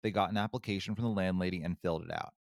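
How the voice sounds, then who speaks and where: A man's voice: sits low, fairly even intonation, very fast, dry recording, clean studio sound. A man casually retelling a spooky true story as a podcast co-host, with wry, sarcastic asides.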